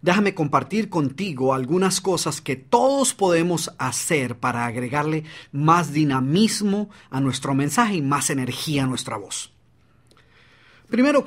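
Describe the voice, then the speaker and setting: A man narrating his own audiobook on public speaking, coaching the listener directly and demonstrating shifts in volume and pace. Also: a little high.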